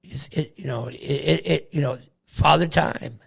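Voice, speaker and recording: A man's voice: on the high side, moderate pace, creaky, breathy edge. An older man chatting casually about sports and history with his son, rambling, trailing off and laughing often. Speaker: guest, host's father. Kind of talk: casual chat.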